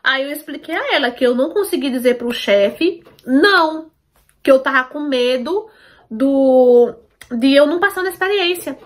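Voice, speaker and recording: A woman's voice: high-pitched, animated, moderate pace. A woman tells a personal story to her viewers, emphatic and repeating herself, often checking that they follow. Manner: emphatic, repeats herself, asks listeners for agreement.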